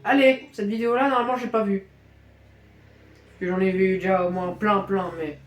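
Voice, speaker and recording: A woman giving casual reaction commentary on a video, excitable, swearing freely and full of fillers. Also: mid-range voice, moderate pace, reverberant.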